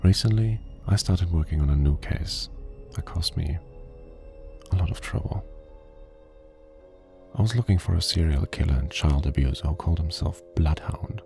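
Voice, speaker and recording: A man voicing a weary, grim private detective who narrates a horror game in a slow, flat storytelling manner. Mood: brooding. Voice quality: very deep, gravelly. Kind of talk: scripted noir narration. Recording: game audio under loud music. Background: game music.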